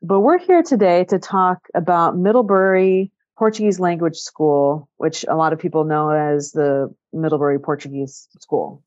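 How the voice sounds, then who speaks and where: A woman's voice: low voice, moderate pace, hardly any pauses, a little mellow, dry recording, dull audio. A woman hosting a podcast interview, introducing her guest in a friendly, upbeat way. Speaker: podcast host.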